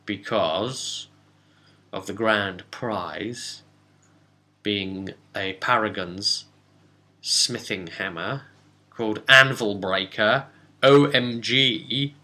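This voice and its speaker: A game master and vidcast host with a lowish, pushed and bright voice speaks very slowly with frequent pauses. Chatty and rambling, he casually recounts a tabletop role-playing session he ran, slipping into character dialogue.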